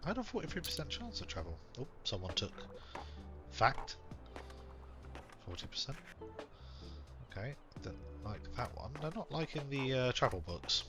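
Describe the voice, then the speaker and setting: A man giving casual, unhurried let's-play commentary and reading game text aloud. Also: mid-range voice, sing-song. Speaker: gaming channel host. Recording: game music behind voice. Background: game music.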